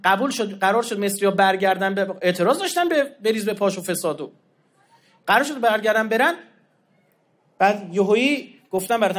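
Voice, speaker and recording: A man giving a colloquial religious history lecture, telling stories in an animated way and acting out the quoted exchanges, with informal slang and asides. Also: high voice.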